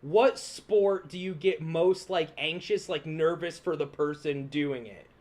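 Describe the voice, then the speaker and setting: A man's voice: a little high, measured pace, a little mellow. A young man co-hosting a podcast, chatting casually and rambling, swearing freely and laughing often. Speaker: podcast co-host. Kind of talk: casual chat.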